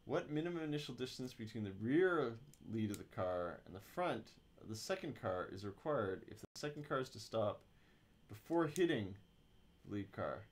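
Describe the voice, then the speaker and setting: A man teaching physics on a casual livestream, chatting and muttering to himself about a slow stream while he works through homework questions. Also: mid-range voice, big pitch swings. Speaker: physics instructor.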